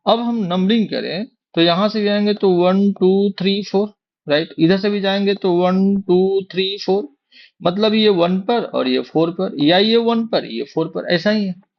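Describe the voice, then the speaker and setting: A man teaching chemistry with a gravelly, slightly raised voice. He poses questions to the class and answers them himself, counting aloud as he goes. The recording sounds dull and lo-fi. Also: high voice, measured pace. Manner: counts positions aloud, mixing English terms into Hindi. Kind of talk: whiteboard lecture.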